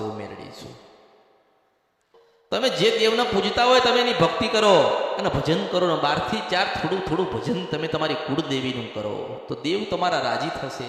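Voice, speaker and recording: A man's voice: high voice, a bit bright. A man giving a devotional sermon in the goddess's voice, emphatic, repeating phrases and asking and answering himself. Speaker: spiritual leader of a goddess shrine. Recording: very echoey hall with long reverb.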